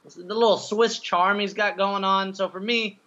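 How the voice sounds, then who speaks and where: A man's voice: high-pitched, fairly even intonation, unhurried, bright, forceful tone. A man co-hosting a casual sports chat, playful and enthusiastic, laughing often. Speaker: co-host. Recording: dull lo-fi sound.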